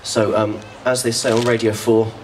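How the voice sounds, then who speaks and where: Dry, rambling British folk singer joking on stage. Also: male voice, on the low side, little pitch movement, moderate pace, slight background noise. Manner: self-deprecating, dry, rambling humour. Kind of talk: stage banter between songs. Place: outdoor festival stage. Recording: distant outdoor live recording.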